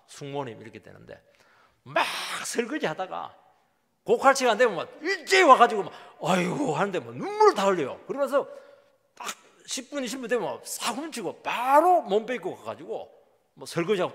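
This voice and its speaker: A middle-aged man preaching a sermon as pastor, emphatic, his voice swinging from loud highs to quiet drops. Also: creaky. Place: church sanctuary. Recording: long hall reverb.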